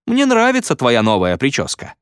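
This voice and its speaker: A man voicing a showy male talent-show host with a drawn-out announcing delivery. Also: medium pitch, huge pitch swings, clear, resonant tone, no echo, clean studio sound, pitched above the performer's own voice.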